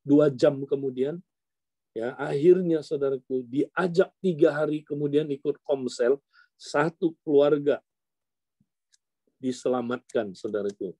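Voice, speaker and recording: A man preaching a sermon, telling a story in a mellow, warm voice. His tone is animated, and he keeps turning to his listeners to address them directly. The sound is dry and close. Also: on the high side, unhurried, dry recording. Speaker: pastor.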